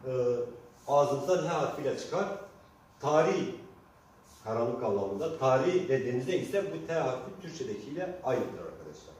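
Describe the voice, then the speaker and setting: A Kurdish teacher gives Turkish speakers an alphabet lesson, slowly and deliberately spelling letters, repeating example words, and often addressing his listeners. His medium-pitched voice is sing-song and a little mellow. The recording is very echoey, with a distant mic and faint noise.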